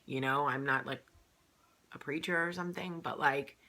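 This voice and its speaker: A woman hosts her own vlog, speaking casually and directly to the camera in an earnest, emphatic way, repeating phrases and saying "um" a lot. Her voice is low and sharp in tone, at a normal speed.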